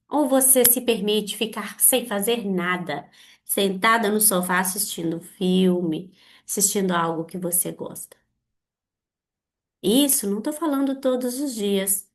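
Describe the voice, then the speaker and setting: A woman with a Brazilian Portuguese accent, hosting a therapy podcast, speaking earnestly to listeners with repeated rhetorical questions. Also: medium pitch. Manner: earnest, repetitive rhetorical questions, slow halting delivery. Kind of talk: reflective monologue addressing listeners.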